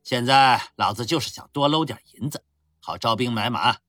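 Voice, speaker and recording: A man voicing a boastful, hard-drinking Ming army general who talks loudly and scornfully. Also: medium pitch, normal speed, dry recording, clean studio sound, soft background music. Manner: loud, swaggering, scornful.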